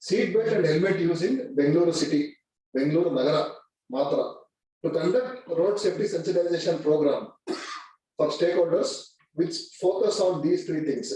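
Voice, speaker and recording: A man's voice: fairly high pitch, mellow. A man with a Kannada accent from India gives a formal presentation as an academic speaker, switching between languages. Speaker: professor, presenter. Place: conference board room. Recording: roomy, far from microphone.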